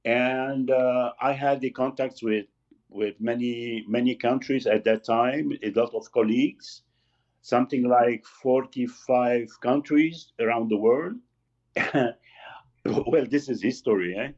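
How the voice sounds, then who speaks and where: A man in his sixties, speaking at a middling pitch as an interview guest. He talks haltingly, stopping often to hunt for the right word. The audio is a little dull and lo-fi. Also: a little mellow. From Lebanon. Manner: halting, searching for words. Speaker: magazine founder, guest. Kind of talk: casual interview talk.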